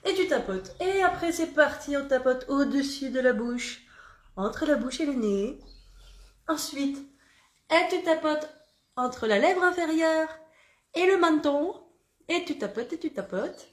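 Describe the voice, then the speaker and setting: A body coach leads a quick morning self-massage routine, chatty, playful and quick to laugh at herself. Her voice is a little high and expressive, and she puts on a southern French accent. The room sounds echoey.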